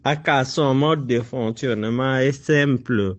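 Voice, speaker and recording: A man's voice: mid-range voice, slow pace. A man from Cameroon with a Cameroonian accent speaks informally and insistently, laying out accusations and repeating himself for emphasis. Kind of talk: informal spoken exposé with accusations.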